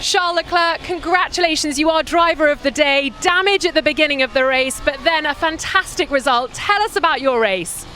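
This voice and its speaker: A woman interviewer speaks in a high, bright voice after a race. She presents in a congratulatory way, with faint outdoor noise behind her. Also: fairly quick, few pauses. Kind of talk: post-race award interview.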